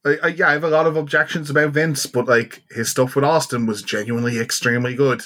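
A man co-hosting a wrestling podcast, chatting casually, swearing and acting out quotes in high voices. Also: fairly even intonation, fast, sharp tone. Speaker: podcast co-host. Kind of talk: casual chat.

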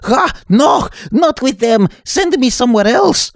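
A man's voice: sits high, wildly swooping pitch, drawn-out words, vocal fry, no echo, studio quality, pitched above the performer's own voice, exaggerated voice. A man voicing a jittery, panicky young man in a story reading, stammering and frantic. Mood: panicked.

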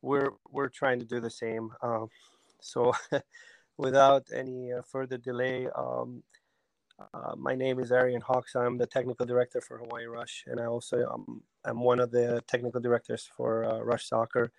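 A man in his forties from Albania, a soccer technical director, telling his story in a relaxed interview with plenty of ums and restarts. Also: medium pitch, moderate pace, creaky, no room sound, poor audio. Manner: hesitant, many ums and restarts. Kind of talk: casual interview talk.

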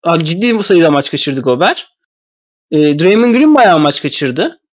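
A man with a cold, his voice thick and stuffy, rambles casually through basketball analysis as a podcast commentator. His voice is slightly high and very animated, and he talks a bit slowly. The recording is dry, with no room sound, and lo-fi.

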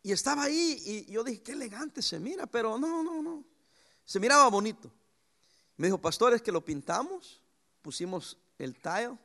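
A man preaching a sermon as pastor, lively and anecdotal, with sudden jumps in pitch. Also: moderate pace.

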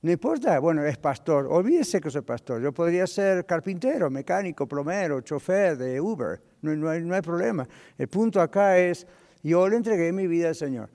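A man's voice: on the high side, moderate pace. Preaching man in a reverberant hall. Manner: animated preaching with rhetorical questions. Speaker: pastor. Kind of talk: sermon. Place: church hall.

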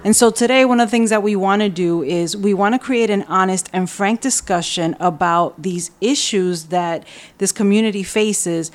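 A woman's voice: mid-range voice, moderate pace. A woman hosting a podcast interview, introducing the subject and putting questions to a guest. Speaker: podcast host.

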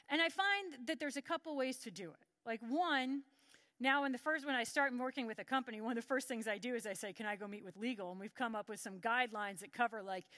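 A woman's voice: fairly high pitch, no echo. A middle-aged woman giving a conference talk, telling stories and acting out what colleagues said. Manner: lively storytelling, acts out quoted colleagues. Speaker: conference speaker.

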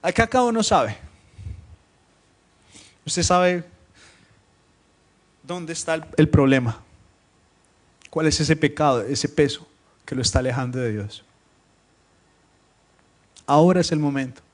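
A male pastor delivers a sermon in a slightly high voice. He reads scripture with loud emphasis, then drops to soft, joking asides to the congregation. He sounds lively and informal from the pulpit. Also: slow, pauses often. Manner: lively, swings between loud scripture reading and quiet asides. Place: church meeting room, streamed live.

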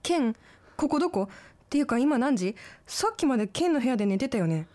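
Woman as frightened young woman in a student radio drama, high and very lively pitch, panicked pleading. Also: fairly quick. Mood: confused.

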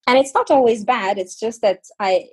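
A woman from France, head of a think tank office, speaking in an earnest, measured way on a panel discussion. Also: fairly high pitch, darkish tone, breathy edge, rough recording.

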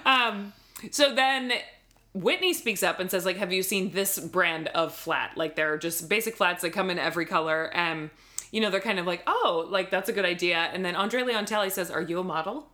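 A woman's voice: fairly low pitch, bright, forceful tone. Chatty woman recapping a show. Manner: chatty, narrates scenes with quick quoted asides. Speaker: podcast co-host. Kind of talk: casual recap chat.

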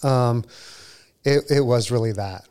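A man's voice: medium pitch, a little slow, a little mellow, clear, resonant tone. Earnest, reflective man in his forties. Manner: earnest, reflective, self-deprecating. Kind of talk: casual chat.

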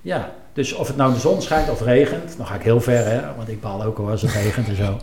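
A man's voice: mid-range voice, fairly quick, crowd noise. Hesitant, reflective man in a roomy space. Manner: thoughtful, hesitant, full of fillers and self-questions. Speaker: former football club executive, guest. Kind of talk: reflective conversation. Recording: roomy with faint ambience.

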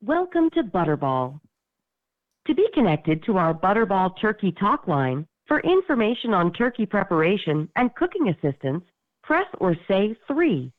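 A woman's recorded phone message, reading menu prompts in a polished, scripted announcer way. Her pitch rises and falls with lively movement, and the sound comes through a thin, tinny phone line with no room echo at all. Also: normal speed. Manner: even, scripted announcer delivery. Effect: recorded phone hold message.

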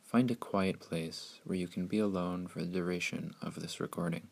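A man narrating a scripted guided meditation in a soothing, hushed, unhurried way with long pauses. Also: sits low, steady tone, vocal fry, breathy edge.

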